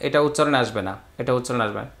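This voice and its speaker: A man teaching Quran reading in a Bangladeshi Bengali accent, spelling out letters and vowel marks, then chanting the words slowly. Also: medium pitch, a bit bright. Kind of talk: step-by-step recitation lesson.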